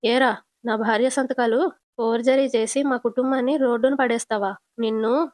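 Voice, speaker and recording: A woman's voice: a little high, fairly even intonation, normal speed, no room sound, clean studio sound, close to an everyday voice. A woman voicing an angry young husband who threatens a cheat and keeps demanding the truth. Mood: furious. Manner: threatening, shouting, repeating demands.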